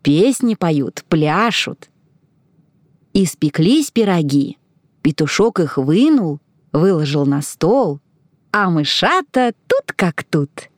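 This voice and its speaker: A woman narrating a children's fairy tale with expressive storytelling. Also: lowish voice, slow pace, no echo, studio quality.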